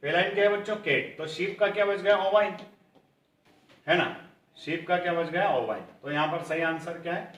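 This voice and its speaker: A man with an Indian accent, teaching English vocabulary for an exam-prep class. He calls his students children, keeps asking them for the answer, and reads the English definitions slowly. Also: a little high, a bit bright, distant mic. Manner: addresses students as children, drills answers by repeating questions. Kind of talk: online coaching lesson. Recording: roomy echo, voice somewhat off-mic.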